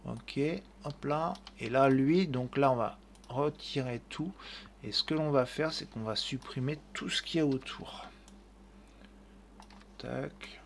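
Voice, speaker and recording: Talking slowly in a gravelly, mid-range voice, a man narrates a screen-recorded software tutorial from his computer through a desk mic. He thinks out loud and describes every click with filler words, over a slight hiss or hum.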